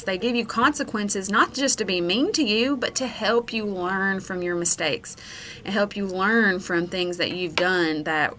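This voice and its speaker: A woman's voice: medium pitch, fairly bright tone, a little hiss or hum. A woman teaching a character lesson to children. She checks in with "okay?" after nearly every point and explains patiently. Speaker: school educator.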